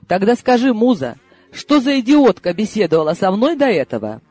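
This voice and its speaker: A man reading an audiobook and voicing a sharp, sarcastic elderly grandmother who orders her granddaughter about. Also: high-pitched, very animated, moderate pace, breathy edge, dry recording, faint music behind, voice pushed up, heavily acted. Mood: bossy, teasing. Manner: bossy, teasing.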